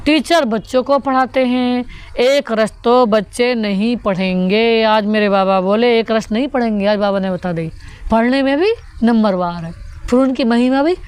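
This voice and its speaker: Smooth-voiced woman giving a devotional sermon. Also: a little high. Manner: repeats each point, often with rhetorical questions. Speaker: spiritual teacher explaining the daily murli.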